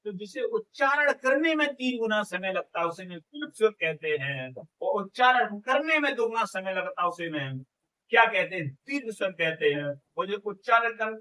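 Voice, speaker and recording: With a high-sitting voice on a rough recording, this male teacher delivers a Hindi exam-prep lecture. He answers his own questions, draws out vowels as demonstrations, and addresses his students warmly.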